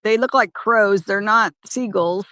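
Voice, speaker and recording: A woman chatting casually on a phone livestream by a lake, talking in halting, rambling bursts with many restarts. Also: medium pitch, sharp tone, no echo. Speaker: van-life vlogger. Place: parked by a lake.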